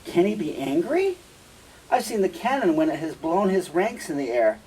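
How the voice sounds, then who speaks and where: A scheming, two-faced officer puts on loud, raised concern, as a man reads his lines aloud in class. The voice rises higher and louder than the reader's usual talk. It comes from somewhat far off the mic. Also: moderate pace, close to an everyday voice. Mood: feigned concern. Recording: distant mic, faint room noise.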